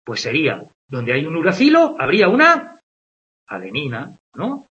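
A man's voice: on the high side, wildly swooping pitch, moderate pace, pushed and bright, lo-fi sound. A man with a Spain Spanish accent teaching a biology lesson online, chatty and constantly checking in with his students, drawing with a mouse as he explains with playful comparisons. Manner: conversational, checks in with "¿vale?" and "¿de acuerdo?". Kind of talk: online lecture with on-screen drawing.

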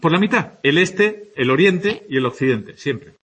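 Husky Andalusian teacher lecturing a class. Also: male voice, fairly high pitch, expressive, measured pace, fairly bright tone. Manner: conversational, checks in with the class. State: tired. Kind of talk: classroom lecture on Spanish dialects.

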